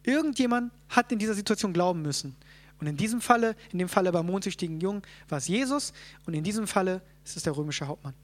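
A Bible teacher explaining a passage in plain, unhurried teaching talk. The speaker keeps checking in with the group with a quick "ja?". Fillers and restarts come often while thinking aloud. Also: mid-range voice, lively intonation. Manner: checks in with listeners, frequent "ja?".

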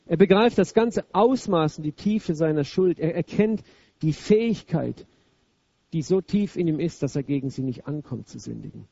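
A man's voice: fairly high pitch, expressive, normal speed, creaky, mellow, husky, no room sound. A man preaching a sermon in a blunt, emphatic, colloquial way. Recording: dull lo-fi recording.

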